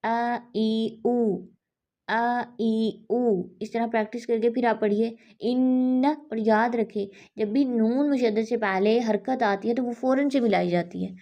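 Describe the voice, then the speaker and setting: A woman teaching Quran recitation in an online lesson, slowly and patiently drilling each sound with many repetitions. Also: a little high, warm tone.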